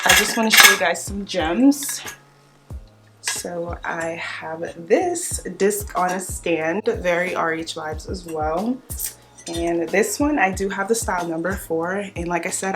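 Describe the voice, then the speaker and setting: A woman's voice: lowish voice, fairly bright tone. A young woman chatting casually to her viewers about home decor finds, enthusiastic and informal. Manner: chatty, enthusiastic, addresses viewers as "you guys". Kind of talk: casual vlog chat.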